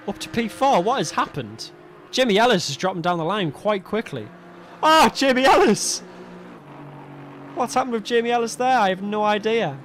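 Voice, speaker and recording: A young man gives solo sim racing commentary in a fairly high, fairly bright voice that's turning slightly hoarse. He's chatty, self-mocking, and laughs often, with clear game car engines behind him. There's a little hiss or hum.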